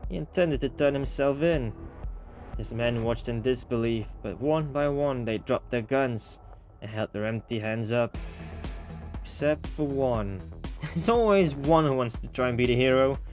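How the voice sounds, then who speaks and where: With guitar-driven game music behind him, a man reads a game's story aloud, tossing in casual, slangy commentary. His mid-range voice has a darkish tone, and he goes a little slowly.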